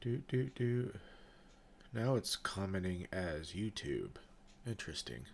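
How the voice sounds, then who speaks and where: Low-voiced and congested from a cold, this man talks slowly with big swings in pitch and some vocal fry, over slight background noise. As a livestream host and ghost-hunting event organizer, he rambles through casual chat with viewers, with lots of fillers and restarts.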